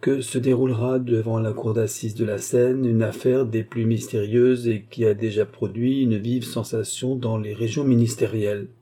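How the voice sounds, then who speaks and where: A man voicing a servant who reads a newspaper aloud in an even, monotone way in a storybook reading. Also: medium pitch, normal speed, few pauses, close to an everyday voice.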